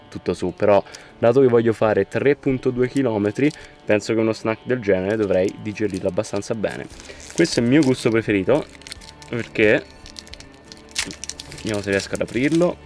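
A man's voice: on the low side, darkish tone. A young man in his twenties talking casually to viewers in a fitness vlog, filmed on a handheld phone. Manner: upbeat, addresses viewers directly. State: out of breath after running. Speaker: fitness vlogger. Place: parked car, then outdoors on a street, then a kitchen. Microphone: phone camera at arm's length.

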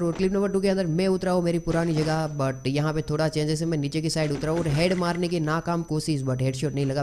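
A man from India giving excitable gameplay commentary as a gaming YouTuber, mixing English slang into his talk. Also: fairly high pitch, slight background noise. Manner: excitable, mixes English slang into Hindi, frequent exclamations.

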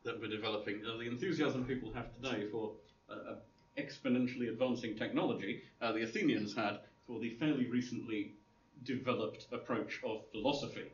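Speaking fairly quickly with a mid-range, fairly even voice, a man gives a loose, informal slide lecture to a class, hesitant and full of ums and restarts, with dry humor. A dull, lo-fi recording with faint hiss leaves him distant and roomy, as if across a hall.

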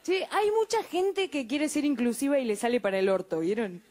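A woman's voice: high-pitched, lively intonation, moderate pace, a little mellow, a little hiss or hum. A young woman with an Argentine Spanish accent doing a stand-up routine, wry and chatty with conversational asides. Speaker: stand-up comedian.

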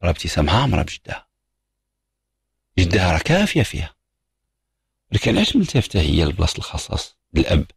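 Husky Moroccan man lecturing on radio. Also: sits low, wildly swooping pitch, quick pace, pauses often, no echo. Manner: lecturing, mixes French phrases, emphatic repetition. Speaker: radio psychologist host. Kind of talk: call-in radio advice talk.

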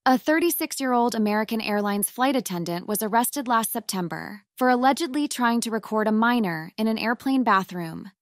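A woman reading short news headlines in an even, formal way. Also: on the high side, a little fast, few pauses. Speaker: news reader.

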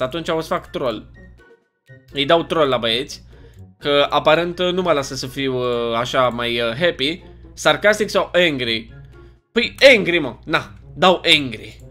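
Animated young Romanian gamer man, lively pitch. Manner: chatty, animated, jokey, often puzzled and exclaiming. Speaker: gaming YouTuber. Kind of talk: casual gameplay commentary.

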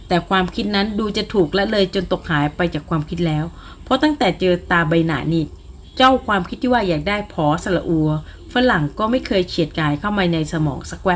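A woman narrating a romance novel as an audiobook, telling the story in a smooth, even way. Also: lowish voice, slight background noise.

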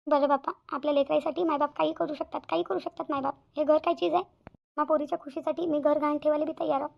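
A woman's voice: sits high, level tone, fast talker, vocal fry, muffled recording. Devoted village mother. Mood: resigned. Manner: plaintive, repetitive. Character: middle-aged village mother, devoted and resigned. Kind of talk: cartoon voice acting.

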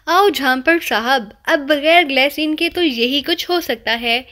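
A woman's voice: high voice, bright, forceful tone. A woman voicing a cheeky young male spy who teases people with mock-polite, rambling wordplay, in an audiobook reading. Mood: playful teasing.

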